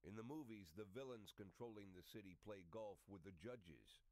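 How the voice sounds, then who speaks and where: Man acting a low-voiced, world-weary police chief. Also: moderate pace, a little mellow, no echo, natural voice. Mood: wry narration. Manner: dry, terse, hard-boiled narration. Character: world-weary, sardonic older police chief near retirement. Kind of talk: scripted noir video game voice acting.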